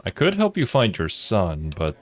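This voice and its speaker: Young male let's player: deep voice, casual, amused, thinking aloud, faint noise behind him. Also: huge pitch swings, normal speed. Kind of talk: casual game commentary.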